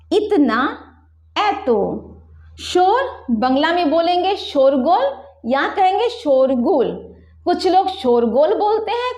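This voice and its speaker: A woman with a high voice explains a language lesson at a whiteboard. She is patient and slows down to repeat each example phrase clearly. The room is echoey. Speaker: language teacher. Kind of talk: board lesson, explaining to viewers.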